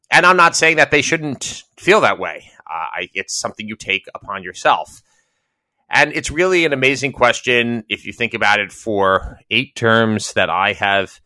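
Bright-voiced American man, reflective talk. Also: mid-range voice, dry recording, rough recording. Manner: discursive, reflective, with emphatic repeated phrasing. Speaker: host. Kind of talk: informal solo political commentary and reminiscence.

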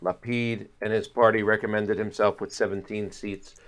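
A man speaking as a guest political analyst in conversational interview commentary, wry, with halting repeats. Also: fairly low pitch, flat delivery.

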